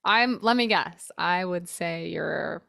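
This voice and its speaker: A woman's voice: fairly low pitch, slow, creaky, a bit bright, dry recording, clean studio sound. A woman in her thirties co-hosting a casual podcast over a video call, bubbly and teasing, giggling often. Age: 30s. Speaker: podcast co-host. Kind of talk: casual chat.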